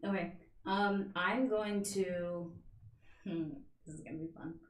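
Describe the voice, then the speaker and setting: A woman's voice: fairly low pitch, steady tone. Inquisitive woman player in an echoey room. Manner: inquisitive, asks quick questions. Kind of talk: casual tabletop game play.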